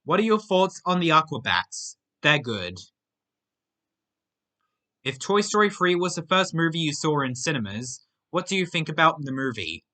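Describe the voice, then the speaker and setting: Hosting a laid-back question-and-answer monologue, this young adult man sounds very animated and talks at a normal speed. His tone is bright and sharp, his pitch jumps around, and he reads each viewer's question before answering it simply and briefly.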